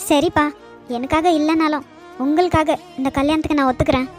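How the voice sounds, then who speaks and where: Woman voicing a sweet dutiful cartoon daughter, really high, soft and meek. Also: steady tone, a little fast, soft background music, close to an everyday voice. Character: gentle, dutiful young woman, unhappy bride-to-be.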